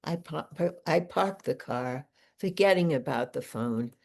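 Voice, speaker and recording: A woman, the featured poet, reading her own poetry aloud in a measured, deliberate way. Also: fairly low pitch, a little mellow. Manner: slow, deliberate, measured delivery.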